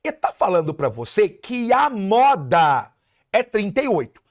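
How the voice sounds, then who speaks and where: Brazilian math teacher, patient step-by-step explainer, animated delivery. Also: mid-range voice, unhurried. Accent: Brazilian Portuguese. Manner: reads the problem aloud then explains it step by step, calls students "galerinha". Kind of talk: exam-review lesson reading out a question.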